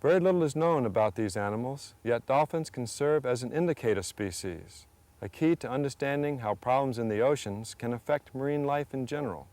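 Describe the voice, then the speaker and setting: A man reading scripted nature documentary narration in a measured, earnest way. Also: medium pitch, lively intonation, darkish tone. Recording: music under the voice. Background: background music.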